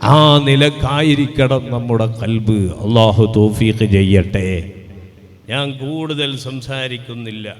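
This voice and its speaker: A male preacher giving a sermon, moving between soft talk and high, loud, chanted exhortation. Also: slow. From Kerala, India. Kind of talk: Islamic sermon with chanted verses. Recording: long hall reverb.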